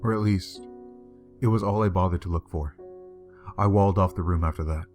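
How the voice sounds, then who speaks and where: A man reading a horror story aloud in a measured, grim way. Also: low voice, darkish tone, faint music behind. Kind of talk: scripted horror narration.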